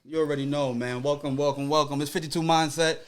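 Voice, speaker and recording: A man's voice: on the high side, fairly even intonation, quick pace, over a noisy crowd. A man hosting a podcast in casual banter, easygoing and joking, often laughing. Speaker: podcast host.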